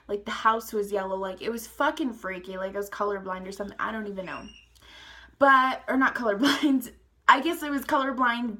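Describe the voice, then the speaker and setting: A young woman recounts a wild story straight to camera. Her voice is bright, and she rambles, swears freely and keeps breaking into laughs. It sounds like an informal storytime vlog. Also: mid-range voice. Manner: rambling, profane, laughing, lots of "like" and "guys". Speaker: storytime vlogger.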